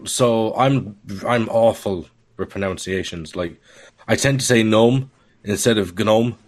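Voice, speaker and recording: Lower-voiced joking man developer. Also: a little slow. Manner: candid, joking, laughs often. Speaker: guest software developer. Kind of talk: casual podcast chat.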